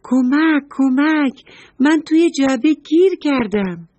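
A woman voicing a small green pencil stuck in a box, calling out in a high, pleading voice for a children's story. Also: animated, darkish tone, no room sound. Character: young green pencil, trapped and calling for help.

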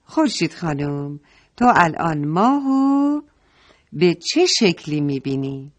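A woman's voice: deep voice, sing-song. A woman voicing a kind mother who patiently explains things to children in a story. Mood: gentle teaching. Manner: patient, explaining, asking questions.

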